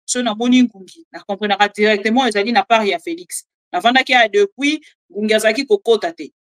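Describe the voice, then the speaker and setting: A woman with a Congolese French accent giving animated, chatty political commentary and joking asides to her viewers. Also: mid-range voice, quick pace. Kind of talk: casual live commentary, French mixed with Lingala.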